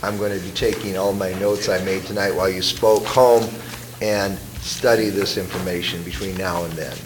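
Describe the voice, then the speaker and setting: A man chairs a formal meeting in a low voice. It is hoarse and croaky, like a frog in the throat. Clear background noise runs through the recording. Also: steady tone, moderate pace. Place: public meeting room. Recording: noisy meeting room recording.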